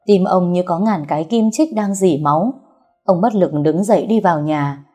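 Casting: woman audiobook narrator, low and mellow, soft music underneath. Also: normal speed. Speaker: storyteller. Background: faint music.

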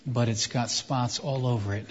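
A man's voice: mid-range voice, steady tone, breathy edge. Man preaching in short phrases. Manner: emphatic, pauses for translation. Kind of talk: sermon in short phrases for an interpreter. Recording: echoey hall, dull sound.

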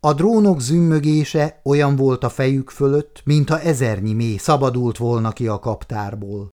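A man reading an audiobook aloud in a calm, measured storytelling manner. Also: mid-range voice. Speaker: audiobook reader. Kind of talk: scripted narration.

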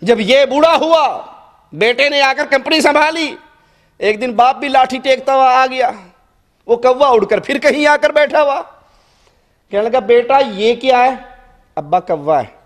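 A male preacher with a strikingly high voice delivers an impassioned sermon. He moves between quiet storytelling and forceful, shouted appeals to the congregation. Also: long pauses.

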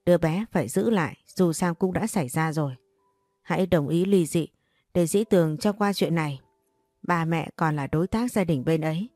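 A stern middle-aged father who scolds his daughter, read by a woman in her own lowish voice. Close, dry recording with faint music. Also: moderate pace, a little mellow, dry recording, close to an everyday voice.

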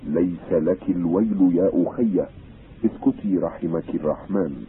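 A man voicing a grave leader who calmly accepts his coming death, speaking in slow, measured solemn recitation. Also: deep voice, husky. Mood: solemn resolve. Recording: tinny old radio broadcast, faint hiss.

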